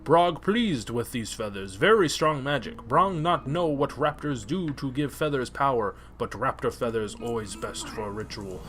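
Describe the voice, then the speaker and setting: A man's voice: medium pitch, animated, moderate pace, hardly any pauses, a bit bright, slight background noise, lightly acted. A man voicing a simple-spoken male ogre with broken speech. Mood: pleased.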